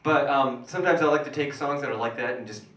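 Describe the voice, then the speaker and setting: A man doing crude, self-mocking stand-up comedy in a small cafe, with a rough, wrecked voice. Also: mid-range voice, fast talker, fairly bright tone. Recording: echoey room, distant mic, live music.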